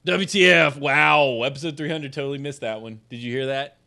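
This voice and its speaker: A man's voice: mid-range voice, steady tone, fairly quick, pushed and bright, faint music behind. A man co-hosting a podcast in casual, joking chat, rambling and laughing often. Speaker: podcast co-host.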